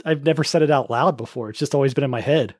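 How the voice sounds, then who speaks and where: A man's voice: mid-range voice, fast talker, a little mellow, breathy edge, no room sound, clean studio sound. A man co-hosting a podcast, asking curious questions in casual chat. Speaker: podcast co-host.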